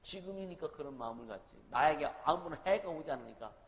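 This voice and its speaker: Man preaching with a higher voice in a reverberant hall. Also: expressive, fast. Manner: conversational preaching, often asks the congregation questions. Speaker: pastor. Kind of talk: sermon. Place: church sanctuary. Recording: long reverb of a hall, faint noise.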